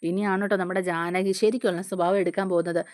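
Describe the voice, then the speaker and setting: A woman's voice: on the low side, level tone, quick pace, a little mellow, no echo, clean studio sound. A woman retelling a TV serial in a chatty, casual storytelling way. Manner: chatty, ends lines with a tag word. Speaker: serial recap narrator.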